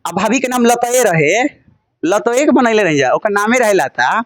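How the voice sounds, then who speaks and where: A man's voice: high-pitched, lively intonation, moderate pace, crowd noise. A man with a Bhojpuri-inflected Hindi accent, a Sanskrit teacher leading a classroom lesson. He drills students in call-and-response, chanting word forms in a sing-song way and coaxing them with jokes. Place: classroom with children.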